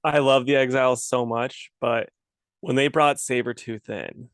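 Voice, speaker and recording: A man co-hosting a casual podcast chat, animated and quick to laugh. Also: medium pitch, no echo, clean studio sound. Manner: animated, laughs a lot, puts on joking voices. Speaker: podcast co-host.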